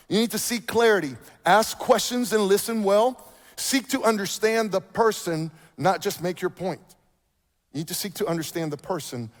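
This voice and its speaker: A pastor preaching a sermon, animated and repeating his key points. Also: sits high, long reverb tail. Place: church sanctuary.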